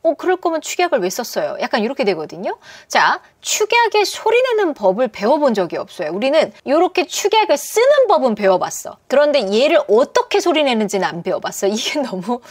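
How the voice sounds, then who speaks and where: A woman lecturing on English pronunciation, her fairly high voice rising and falling with animated emphasis. She slows down to model each word carefully. The recording is dry and close. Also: no echo. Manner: lively, emphatic, models English words slowly.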